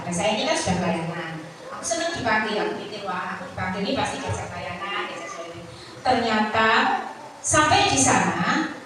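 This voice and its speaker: A woman preacher, giving a Sabbath sermon and telling her own story in an animated way, acting out the people she quotes. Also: mid-range voice. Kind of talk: Sabbath sermon with personal testimony. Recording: echoey hall, voice from far off, ambient noise.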